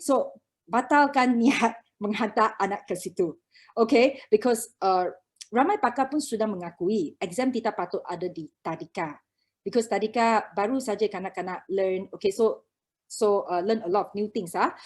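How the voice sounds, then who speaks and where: A woman with a Malaysian accent giving an informal conference talk as a preschool educator, mixing Malay with English and punctuating her points with short checking words. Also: mid-range voice. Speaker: guest speaker, preschool educator.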